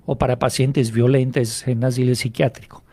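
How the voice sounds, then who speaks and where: A man with a warm, mellow, mid-range voice and a level tone speaks as a hypnotherapist guest on a radio interview. French is his first language. He explains in a patient, measured manner, posing questions and answering them himself.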